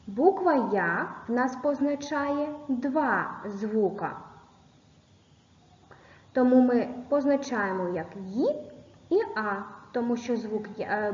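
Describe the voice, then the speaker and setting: Woman teacher for a kids' video lesson: patient, lively pitch that rises and falls, speaks slowly. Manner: patient, slow dictation, spells out sounds and syllables. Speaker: primary school teacher. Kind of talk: recorded video lesson for children. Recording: echoey room, dull lo-fi sound.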